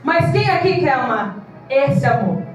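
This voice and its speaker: High-voiced woman pastor preaching. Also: lively intonation, measured pace, soft background music. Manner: impassioned, mimics congregants in quoted voices. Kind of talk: evangelical sermon. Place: church hall. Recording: echoey church hall from far off.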